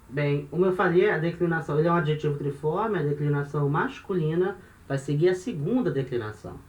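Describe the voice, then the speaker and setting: Patient man teaching in an echoey room. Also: on the high side. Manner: patient, steady explanation with many "né?" and "tá?" checks; slows down to spell out and repeat word forms. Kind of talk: recorded lesson explaining grammar. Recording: echoey room with faint noise.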